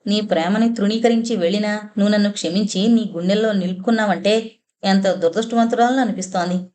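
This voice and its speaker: A woman's voice: mid-range voice, fast, warm tone, natural voice. A woman voicing a grieving, torn young blind woman in an audiobook novel, with a tearful, pleading delivery. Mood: anguished.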